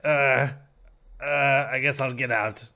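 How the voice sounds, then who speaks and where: A man's voice: mid-range voice, steady tone, slow, pushed and bright. A man playing a tabletop game, chatting and role-playing casually and playfully.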